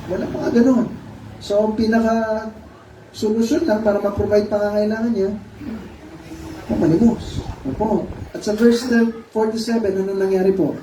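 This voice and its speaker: Animated Filipino preacher in an echoey hall. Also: male voice, sits high, normal speed, pauses often. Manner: animated, asks the congregation questions, acts out the blind man's cries. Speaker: pastor. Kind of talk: sermon. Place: church hall. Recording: echoey room, far from mic, noisy.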